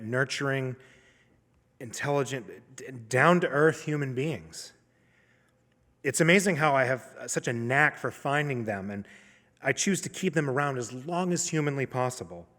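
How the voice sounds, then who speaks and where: A man in his thirties telling a personal story on stage, casual and self-deprecating with dramatic pauses. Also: mid-range voice, fairly bright tone. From Maine. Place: opera house stage. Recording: long hall reverb.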